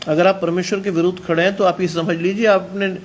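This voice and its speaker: High-voiced preacher, emphatic. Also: male voice, little pitch movement, brisk. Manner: mixes English phrases into emphatic preaching. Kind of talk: sermon.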